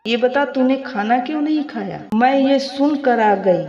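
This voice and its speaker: A woman speaking as a gentle old mother, soft and firm, in unhurried words. The voice rings in an echoey room. The sound is slightly dull. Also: high voice, expressive, far from the mic, soft background music. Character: gentle elderly mother in an old-age home. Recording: echoey, slightly muffled home recording.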